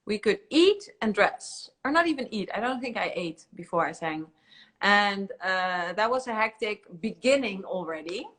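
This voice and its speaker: Bright-voiced woman with a Chilean accent. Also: mid-range voice, lively intonation, moderate pace. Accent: Chilean Spanish. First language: Spanish. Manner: hesitant, many fillers, giggly. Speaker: guest singer. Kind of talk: casual interview chat.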